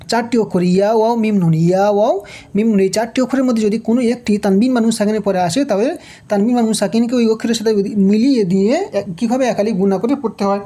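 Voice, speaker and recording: Woman, Quran reading teacher, patient and repetitive, warm dark tone. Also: mid-range voice. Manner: patient, repeats each syllable and asks the learner questions. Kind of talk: slow spelled-out recitation lesson.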